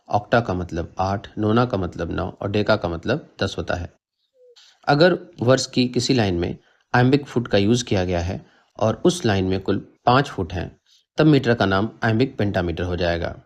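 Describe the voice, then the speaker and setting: A man narrating a literature lesson, reading terms in English and explaining them in Hindi. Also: lowish voice. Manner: measured, explains each term in Hindi after reading it in English. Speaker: literature teacher.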